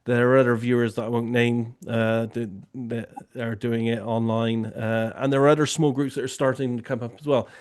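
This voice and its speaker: A man with a mid-range voice hosts a casual online Q&A, chatting loosely and dropping plenty of "you know" fillers. He's a remote viewing tasker running the session, speaking in a level tone at a moderate pace with few pauses and a clean sound.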